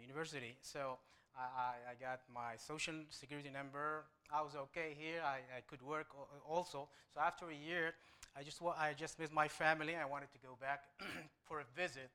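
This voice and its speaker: A man's voice: on the high side, sharp tone, smooth. A man from Morocco with a Moroccan accent, speaking English as a second language, giving his testimony as a guest preacher in church, with frequent restarts and light humor. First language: Arabic. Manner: halting, with frequent repeated starts and light humor.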